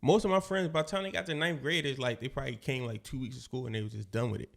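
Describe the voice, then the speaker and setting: Casting: man, forties, podcast co-host, gravelly mid-pitched voice, slangy rambling delivery. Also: steady tone, rapid-fire, fairly bright tone. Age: 40s. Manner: loose, slangy, rambling with restarts. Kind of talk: casual podcast chat.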